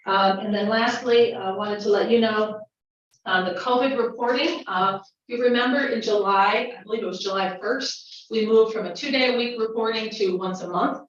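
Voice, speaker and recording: A woman who is a county official, giving a measured report at a formal board meeting with many pauses and fillers. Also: on the high side. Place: county legislature meeting room. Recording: dull, echoey chamber audio from a distant mic.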